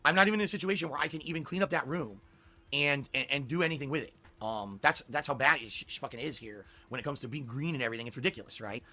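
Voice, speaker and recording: A man with a hoarse voice, talking casually and emphatically to a livestream audience in a monologue. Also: mid-range voice, fast, sharp tone. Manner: profane, emphatic venting.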